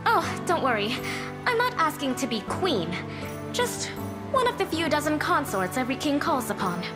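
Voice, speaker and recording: A haughty young noblewoman with a high, sing-song voice speaks at normal speed in a video game cutscene, coy and confident. Her delivery is theatrical, imperious, and coquettish. Loud game music plays behind her.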